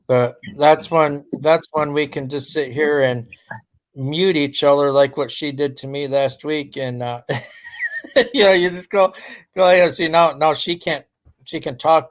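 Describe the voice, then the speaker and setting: A man's voice: a little high, unhurried. A man chatting on a live stream, joking around and easygoing, calling himself a smart aleck. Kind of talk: casual live stream chat.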